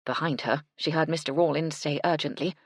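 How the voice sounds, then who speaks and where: A woman narrating a cozy mystery audiobook with a measured, expressive delivery. Her voice is low and gravelly with a husky edge. The sound is close and dry. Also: dry recording. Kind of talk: scripted narration.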